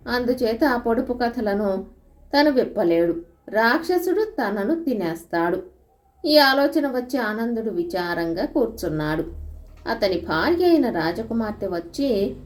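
A woman narrating folk and moral tales as an audiobook storyteller, in a steady, expressive way. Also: a little high, a little slow.

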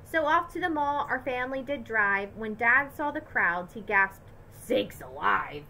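Bright, expressive woman reading aloud. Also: sits high, moderate pace, slight background noise, low-quality recording. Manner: lively, expressive storytelling. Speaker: teacher. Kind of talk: reading a picture book aloud to children.

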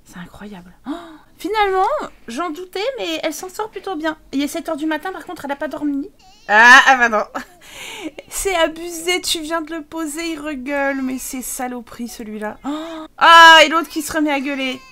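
A woman's voice: high-pitched, animated, normal speed, pushed and bright. A woman commenting on her video game, exclaiming and teasing the characters with mock exasperation and frequent laughter. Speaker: let's play gamer.

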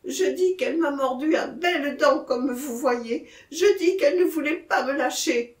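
A man's voice: very high-pitched, a little slow, recorded from a distance, pitched above the performer's own voice. A woman reading an audiobook, voicing a terrified man who confesses to a killing, frantic and pleading. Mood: haunted. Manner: frantic, pleading, rising to cries. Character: terrified male gravedigger-murderer, pleading. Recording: echoey room.

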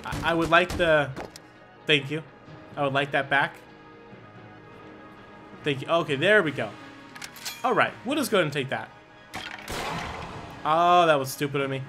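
A gaming channel host with a fairly high voice thinks aloud during let's play commentary, reading item text and bursting into quick, excited exclamations. Game music plays underneath.

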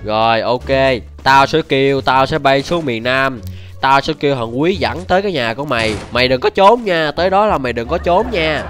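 A man's voice: mid-range voice, expressive, moderate pace, fairly bright tone, faint music behind, natural voice. A young man voicing an angry old father who scolds and threatens over game voice chat. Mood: scolding. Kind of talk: prank voice chat during a mobile game.

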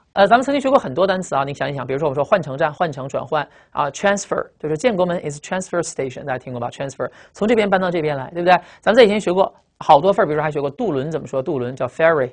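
A man teaching English vocabulary in a lecture, repeating key words and asking rhetorical questions. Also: fairly high pitch.

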